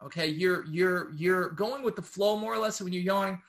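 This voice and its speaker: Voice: medium pitch, normal speed. Casual instructor, rambling monologue with constant tag-question check-ins and loose, informal phrasing. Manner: loose and informal, with occasional swearing.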